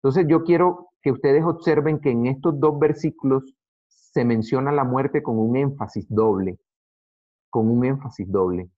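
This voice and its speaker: A man teaching an Adventist Bible study in an earnest way, addressing his listeners as brothers and slowing down to read verses aloud. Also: mid-range voice, dark tone. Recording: dull lo-fi recording.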